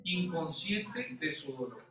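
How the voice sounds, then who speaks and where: A male pastor preaching a sermon, animated and putting questions to the congregation. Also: a little high, takes it slowly, a crowd in the background. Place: church sanctuary. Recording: echoey church hall, mic at a distance.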